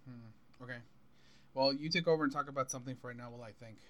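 A man's voice: mid-range voice, very fast, a bit bright. A man co-hosting a casual podcast in an easygoing, playful way. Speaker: podcast co-host. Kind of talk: casual chat.

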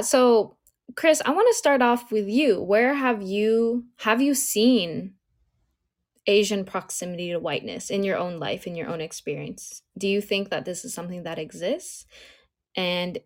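A woman's voice: mid-range voice, a little slow. A woman in her early twenties hosting a podcast, talking in a friendly way with frequent fillers. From United States. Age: 20s. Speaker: podcast host. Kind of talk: conversational podcast discussion.

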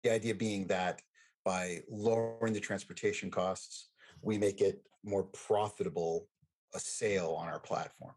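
A man's voice: deep voice, a little slow, slightly rough. A middle-aged man from the United States, a guest on a podcast, chatting casually and telling jokey stories. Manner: animated, jokey storyteller. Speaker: guest, freight forwarding executive.

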